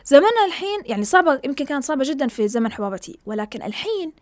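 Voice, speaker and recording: A woman's voice: sits high, sing-song, racing, no echo. A young woman, giving an impassioned, ranting opinion monologue and mixing in English words.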